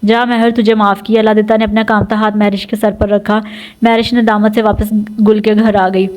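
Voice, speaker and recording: Brief: woman audiobook narrator, steady and monotone. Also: medium pitch. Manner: steady storytelling.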